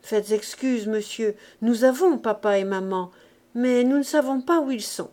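A woman's voice: a little high, a little slow, mellow, close to an everyday voice. A woman voicing a polite, earnest little boy in a storybook reading, in a raised voice.

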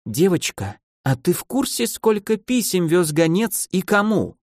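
Man voicing a boisterous old archmage, high bellowing voice, dry close audiobook sound. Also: animated, normal speed, dry recording, close to an everyday voice. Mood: menacing, scolding. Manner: gleeful, bellowing, wheedling. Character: boisterous old archmage in a child's body, male.

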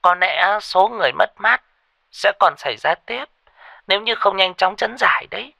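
A man voicing a frantic shrill sorcerer's wife. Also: lively intonation, moderate pace, creaky, bright, forceful tone, dry recording, heavily acted. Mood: urgent warning. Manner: urgent, high-pitched warning. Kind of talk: ghost story narration.

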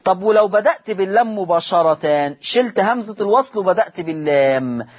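Husky Egyptian man teaching recitation rules. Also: high voice, lively intonation, a little fast. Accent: Egyptian Arabic. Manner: patient, repeats rules and quizzes listeners. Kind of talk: televised recitation lesson.

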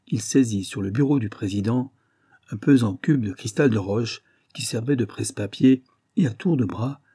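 A man reading a detective story aloud in measured, dramatic narration. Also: fairly low pitch, mellow, husky, dry recording, studio quality. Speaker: audiobook reader. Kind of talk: scripted narration.

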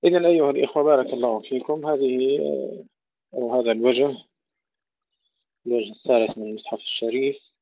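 Man teaching recitation, dark dull sound. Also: medium pitch, steady tone, dry recording. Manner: slow melodic recitation, then brisk explanation of pronunciation errors. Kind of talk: recitation and tajweed lesson. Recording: dull lo-fi dry recording.

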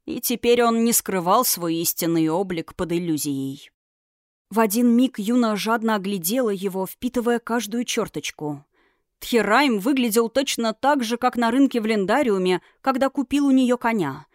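A woman reading a fantasy novel aloud in a measured, expressive narration. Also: on the high side, no room sound, clean studio sound. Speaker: audiobook narrator. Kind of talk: scripted fantasy audiobook narration.

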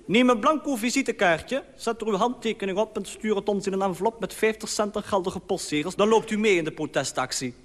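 A man voicing a brisk, businesslike woman who answers the phone at an animal-protection office, in an old radio comedy monologue. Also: high voice, in a large hall, voice pushed up, lightly acted. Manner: curt and businesslike.

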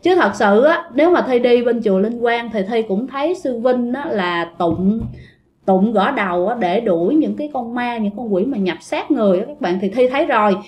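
A woman's voice: fairly high pitch, expressive, moderate pace, a little mellow. A woman casually telling a ghost story and chatting to her listeners. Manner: chatty, addresses listeners, many fillers.

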